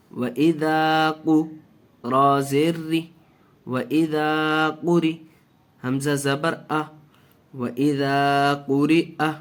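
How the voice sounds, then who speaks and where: A man teaching Quran reading, spelling out syllables slowly and deliberately, with short asides to viewers. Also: a little high. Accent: Indian Urdu-Hindi. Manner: slow, deliberate syllable-by-syllable drilling, even tone. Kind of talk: spelling-out Quran recitation lesson.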